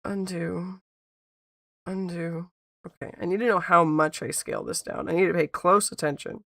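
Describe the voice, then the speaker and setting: A woman streams casually while she draws, her voice squeaky from being sick. It sits a little low for a woman and crackles with gravelly fry. The sound is dry and close as she thinks out loud and repeats herself. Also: steady tone, normal speed, dry recording. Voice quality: squeaky, like a squeaky toy. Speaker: art streamer. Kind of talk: casual livestream chat while drawing.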